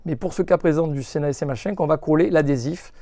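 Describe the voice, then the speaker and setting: This man, presenting a hands-on tutorial for a motorcycle accessory shop, speaks off the cuff and stresses the key points again and again. His fairly high, warm voice has a creaky edge, and he talks at a quick pace. The recording is dry.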